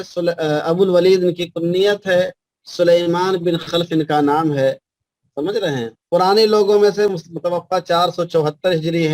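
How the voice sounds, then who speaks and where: High-voiced male teacher dictating notes. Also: a little mellow, dry recording. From India. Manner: repeats references slowly for dictation, checks understanding often. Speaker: teacher of Islamic law. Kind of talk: classroom lecture dictating notes.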